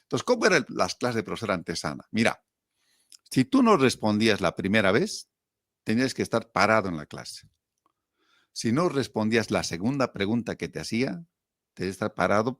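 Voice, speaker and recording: Low-voiced Bolivian man, casually reminiscing. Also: dry recording, studio quality. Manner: animated storyteller, acting out quotes and asking himself rhetorical questions. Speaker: interview guest.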